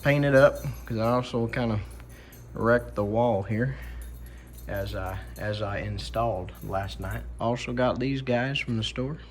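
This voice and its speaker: A man's voice: medium pitch, unhurried, soft background music, close to an everyday voice. A man putting on a folksy, slangy handyman character with a made-up drawl as a joke during a home project. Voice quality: drawling, slangy, put-on accent. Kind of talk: joking character bit in a DIY vlog.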